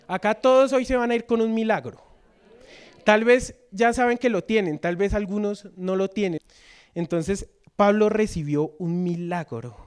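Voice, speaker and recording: A man's voice: sits high, measured pace, clean tone. A man preaching a sermon in church, reading scripture and putting questions to the congregation. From Colombia. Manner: asks the congregation questions, reads scripture, shifts between loud and soft.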